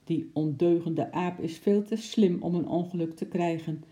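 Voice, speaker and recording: A woman voicing a kindly older man in a children's story, speaking in a calm, soothing way. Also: lowish voice, normal speed, close to an everyday voice. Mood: reassuring. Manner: soothing, reassuring.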